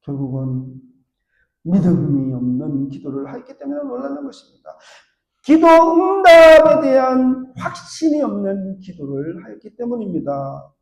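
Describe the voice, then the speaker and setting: Animated Korean pastor preaching in echoey church. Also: male voice, measured pace, creaky. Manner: storytelling, acts out voices with big pitch swings. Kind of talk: sermon. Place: church sanctuary.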